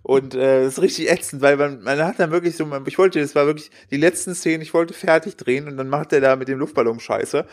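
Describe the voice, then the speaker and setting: A man's voice: on the high side, quick pace, hardly any pauses. A man in his late twenties co-hosting a casual podcast, telling long rambling anecdotes with youthful slang. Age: late 20s. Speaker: podcast co-host. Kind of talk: casual chat.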